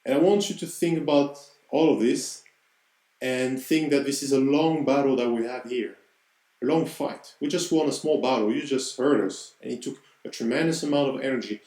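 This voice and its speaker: A French-accented man hosts a podcast, sharing a personal story in an earnest, reflective manner. His voice is medium-pitched, slightly mellow and at a normal pace, and the low-quality recording sounds roomy.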